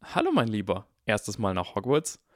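A man reading an audiobook and voicing a plump, friendly, motherly woman who chats warmly. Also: on the low side, huge pitch swings, moderate pace, no room sound, studio quality.

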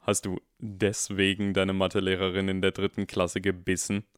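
A man reading the lines of a bantering father who jokes in a mock-formal, deadpan way. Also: deep voice, moderate pace, smooth, no room sound, clean studio sound, lightly acted. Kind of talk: audiobook character reading.

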